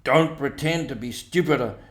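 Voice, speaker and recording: A man's voice: mid-range voice, moderate pace, fairly bright tone, close to an everyday voice. Man as stern, bossy storybook badger, echoey room. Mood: cross, bossy. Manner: short, commanding. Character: stern, brisk, bossy older male Badger. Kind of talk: storybook character reading.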